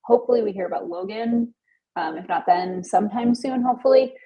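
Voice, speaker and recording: A woman's voice: medium pitch, fairly quick, dark tone, poor audio. A woman co-hosting a podcast, upbeat and playful in casual chat. She closes out the episode and signs off. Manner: upbeat and playful, wraps up the show. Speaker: podcast co-host.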